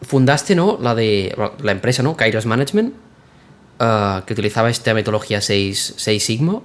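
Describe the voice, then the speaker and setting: A man's voice: fairly low pitch, sing-song, normal speed. Casual Spanish male podcast co-host. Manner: casual, tentative questioning. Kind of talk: interview questions.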